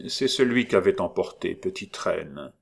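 A man reading aloud, voicing a methodical investigator who speaks with measured authority and pauses on "euh". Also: deep voice, expressive, creaky, husky, heavily acted. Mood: authoritative. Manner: measured, commanding, with hesitant "euh".

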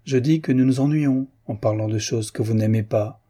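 A man reading aloud, voicing a self-assured young gentleman in an offhand manner. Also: mid-range voice, moderate pace, breathy edge, close to an everyday voice. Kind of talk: audiobook character voice.

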